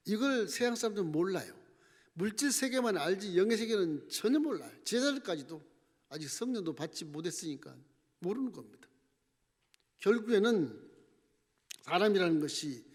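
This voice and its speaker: A middle-aged male pastor preaches in a church sanctuary, his slightly high voice ringing out with a long hall echo. He swings from loud, emphatic declarations down to low, hushed asides. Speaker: senior pastor. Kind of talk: sermon.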